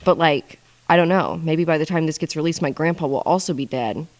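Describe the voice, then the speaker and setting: A woman in her twenties telling stories as a podcast guest, profane and rambling, with a deadpan delivery broken by bursts of laughter. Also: deep voice, a little fast. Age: 20s. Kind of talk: casual storytelling monologue.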